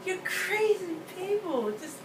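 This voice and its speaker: A young woman co-hosting a casual rant, talking in a quick, excitable, exaggerated way. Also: very high voice, crowd noise. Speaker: co-host. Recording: roomy, distant, noisy home recording.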